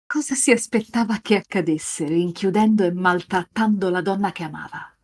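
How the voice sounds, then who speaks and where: A woman hosts and narrates a live visual novel reading, moving between scripted narration and casual chat with her co-readers. Her voice is on the low side, at a normal speed.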